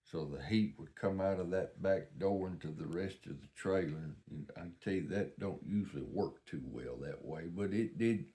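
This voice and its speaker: Low-voiced Southern man, folksy storyteller. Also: moderate pace, few pauses, warm tone. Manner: folksy, plain-spoken reminiscing. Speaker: vlogger. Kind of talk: casual rambling storytelling.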